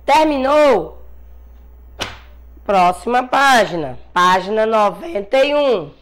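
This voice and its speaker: A Brazilian woman teaching a class of young children, sounding out syllables slowly and patiently, calling herself auntie and praising often. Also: on the high side, big pitch swings. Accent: Brazilian Portuguese. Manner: calls herself "tia", encouraging praise. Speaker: primary school teacher. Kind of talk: slow dictation-style class for young children.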